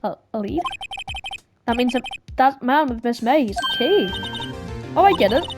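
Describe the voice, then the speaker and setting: A woman's voice: a little high, lively intonation, moderate pace, loud music behind the voice. A woman reading every character of a courtroom game herself, joking and stumbling between lines. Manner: jokey, stumbles and laughs at herself, does put-on voices. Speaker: fan dub reader voicing every character. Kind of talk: playful solo game dub with asides.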